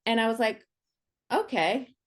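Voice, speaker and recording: A middle-aged woman coach leads a workshop in a loose, chatty way. She sounds playful and animated, with a mid-range voice and a steady, unhurried pull. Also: mid-range voice. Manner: animated and playful, many fillers like "like". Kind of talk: casual online workshop talk.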